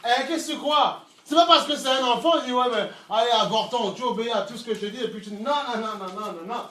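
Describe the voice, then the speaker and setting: A middle-aged man preaching a sermon, swinging from loud shouts to low murmurs and repeating words as he searches for them. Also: fast. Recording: echoey room, mic from far off, faint ambience.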